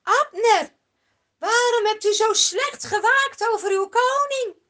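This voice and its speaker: A woman voicing a young man who shouts loudly across a valley and pleads with a king. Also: extremely high pitch, slow pace, pitched above the performer's own voice, exaggerated voice. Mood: accusing shout. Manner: loud, pleading calls.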